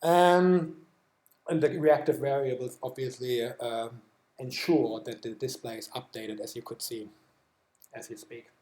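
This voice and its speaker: A man with a German accent presenting software at a developer meetup, explaining a live demo with many fillers and restarts. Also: medium pitch, steady tone, unhurried, echoey room. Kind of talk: technical talk with live demo. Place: meetup room.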